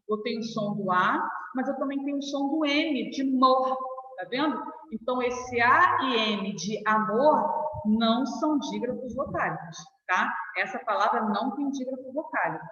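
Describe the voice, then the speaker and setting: A woman's voice: on the high side, a bit bright. Brazilian woman teacher, echoey and far. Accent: Brazilian Portuguese. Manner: patient, stretches out example words and checks in with "tá?". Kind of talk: online classroom lesson. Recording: echoey room, voice from far off, dull lo-fi sound.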